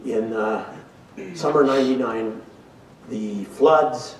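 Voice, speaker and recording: A man's voice: mid-range voice, takes it slowly, slight background noise. An older man giving a storytelling lecture with folksy, self-mocking humor. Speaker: professor giving a talk. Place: lecture hall. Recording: roomy hall, speaker distant from mic.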